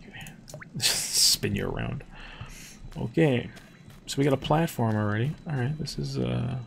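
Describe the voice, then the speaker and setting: A young man commentating a game casually, thinking aloud and dropping to hushed tones when nervous. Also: medium pitch, creaky, slight background noise. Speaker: gameplay commentator. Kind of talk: casual let's-play commentary.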